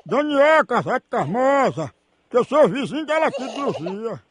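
A man playing a flustered, very high-voiced neighbor. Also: big pitch swings, normal speed, crowd noise. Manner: flustered, pleading, keeps hushing a baby. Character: fretful male neighbor minding a crying baby. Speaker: prank caller. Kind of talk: prank phone call.

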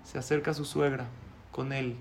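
A male rabbi, telling a story in a sermon, animated and chuckling, asking the audience questions. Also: mid-range voice, normal speed, slight background noise.

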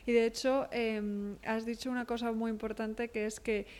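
A woman hosting a podcast, asking questions and affirming her guest warmly. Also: a little high, level tone, normal speed. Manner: encouraging, affirming. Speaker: podcast host. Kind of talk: podcast interview.

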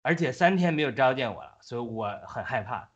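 A man's voice: medium pitch, expressive, brisk, slightly rough, dull audio. A man quoting a frightened young queen. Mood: afraid. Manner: fearful, hesitant.

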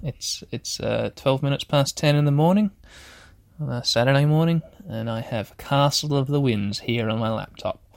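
A man with a medium-pitched voice talks through a video game in a dry-sounding space. His delivery is casual and rambling, with halting phrases as he thinks aloud and describes each move. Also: vocal fry, dry recording. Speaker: host of a gaming show. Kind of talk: casual let's play commentary. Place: shed.

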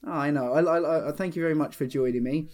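A man's voice: on the high side, fast, a little mellow. A man hosting a casual podcast interview, with hesitant talk, frequent restarts and easy laughs. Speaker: podcast host.

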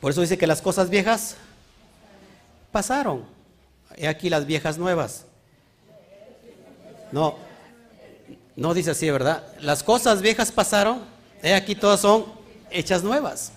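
Male preacher, high voice, animated delivery, checks in with the congregation often. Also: a little slow, pauses often. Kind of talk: sermon teaching.

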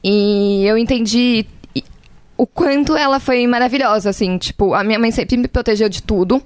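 A young woman with a smooth, clear, slightly high voice, speaking in a heartfelt and earnest way. The sound is dry and close-miked. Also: moderate pace, dry recording. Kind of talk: casual chat.

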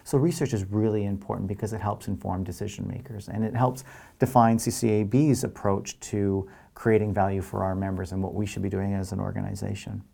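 Deep, gravelly man. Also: little pitch movement, a little fast, mellow. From Canada. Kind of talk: interview answers.

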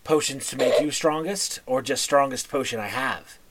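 A man's voice: medium pitch, normal speed, a bit bright, close to an everyday voice. A man voicing a shady, snide fish-faced potion seller in a tabletop game, with flowery, obsequious sales talk. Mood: boastful, oily. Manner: sly, obsequious salesman with flowery, formal phrasing. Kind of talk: tabletop role-play.

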